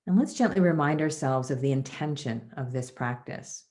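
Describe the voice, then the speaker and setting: A woman teacher guides a body scan meditation in a soothing, measured way, leaving pauses between phrases. Her voice is low, rumbling, and mellow.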